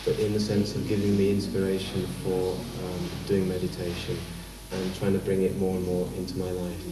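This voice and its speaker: Deep, flat-voiced man. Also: over music. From France, raised in England. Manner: calm, hesitant, many pauses and fillers. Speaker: street performer interviewed. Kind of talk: TV interview. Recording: roomy echo, distant mic.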